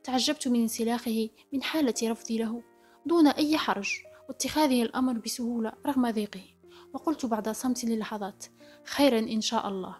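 Fast-reading woman narrator. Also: fairly high pitch, a little mellow. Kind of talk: first-person story reading. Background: faint background music.

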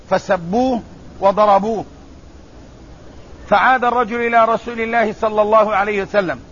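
Male hadith teacher, high-pitched, measured and deliberate, muffled lo-fi recording. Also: a bit bright. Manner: measured, deliberate delivery with repeated phrases. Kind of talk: religious lesson, reading and explaining hadith. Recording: muffled, slightly lo-fi with faint ambient noise.

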